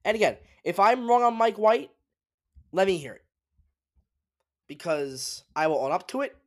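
A sports podcast host runs a solo talk show in a high, sing-song voice at normal speed. Congested and sniffly, he gives emphatic opinions and frequently restarts his sentences.

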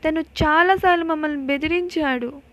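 A woman's voice: high-pitched, normal speed, no echo. A woman voicing an injured, grieving man who pleads for his life in a told horror story. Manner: tearful, pleading.

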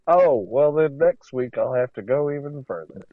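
A man's voice: mid-range voice, animated, moderate pace, no room sound. A young man co-hosting a podcast in casual chat, rambling and crude, often restarting his sentences. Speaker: podcast co-host. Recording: dull lo-fi audio.

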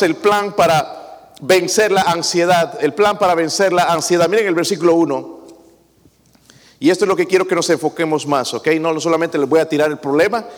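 A man's voice: high-pitched, in a large hall. A man preaching a sermon as pastor, asking his congregation questions as he goes.

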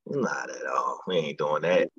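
A man's voice: rumbling low, unhurried, muffled recording, a crowd in the background. A man who does stand-up comedy, talking in a laid-back, slangy way as a podcast guest and telling stories. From lives in Atlanta area. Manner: laid-back, slangy, storytelling with quoted voices. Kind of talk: casual podcast chat.

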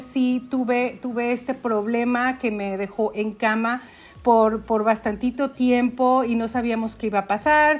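A woman with a Mexican accent, a podcast guest telling her story in casual, chatty conversation. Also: on the high side. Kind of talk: casual chat.

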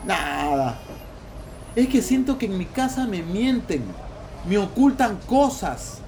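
An actor voicing an anxious, timid husband in a comic radio sketch, his voice swinging widely up and down. He speaks slowly and uncertainly, and music plays behind him. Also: high voice, big pitch swings, creaky, a little hiss or hum, exaggerated voice. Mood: unsure. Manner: hesitant, then panicky shouting. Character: timid middle-aged husband, anxious and easily shaken.

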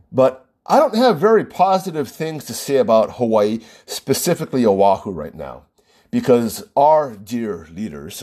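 Here a US podcast host speaks at medium pitch with a slightly mellow tone. In his opinionated solo episode he argues emphatically and rhetorically, often dropping in a quick "right?"

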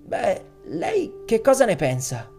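A man's voice: sits high, huge pitch swings, slow, vocal fry, dark tone, husky, soft background music, voice pushed up, heavily acted. A man doing a bashful young man in love.

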